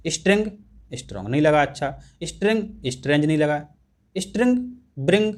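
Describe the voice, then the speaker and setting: Higher-pitched man teaching exam English. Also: animated, fast talker. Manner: repeats key points and stresses them for students. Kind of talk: exam-prep lesson explaining English grammar in Hindi.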